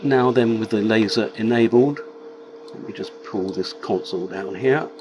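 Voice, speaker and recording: Low-voiced man, machine noise behind. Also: moderate pace, lo-fi sound. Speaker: tutorial presenter. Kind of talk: step-by-step demonstration narration. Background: laser cutter machine noise.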